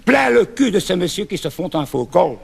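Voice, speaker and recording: Husky, gravelly Brussels man. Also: high-pitched, sing-song, normal speed. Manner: emphatic, proud. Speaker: comic performer. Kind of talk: comic sketch with recited verse.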